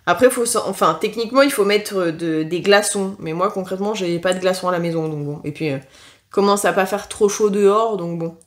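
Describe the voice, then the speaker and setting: A woman's voice: mid-range voice, brisk. Chatty, frank woman doing a taste test. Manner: chatty and frank, leaning on "franchement" and "concrètement"; hesitant, with frequent filler sounds and self-corrections. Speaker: food tasting vlogger. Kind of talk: casual taste-test chat to camera.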